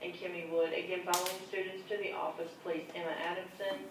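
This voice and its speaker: A woman making a school office announcement over the intercom, briskly calling names and repeating them. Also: lowish voice, little pitch movement, background noise. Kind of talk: public announcement. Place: classroom, heard through a wall speaker. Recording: echoey loudspeaker heard from far off.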